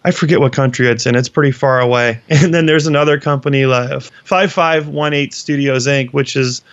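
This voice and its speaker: A man's voice: mid-range voice, fairly even intonation, brisk, dry recording, highs cut off. A man in his late thirties, an animation consultant, explaining at length in a casual interview. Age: 30s.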